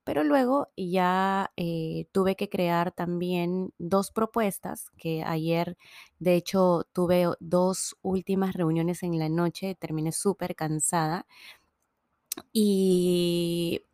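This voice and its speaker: A woman's voice: fairly low pitch, slow, a little mellow, no echo, clean studio sound. A woman, hosting a podcast in a chatty, casual monologue full of fillers and restarts, sounding a little tired. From Peru. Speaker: podcast host.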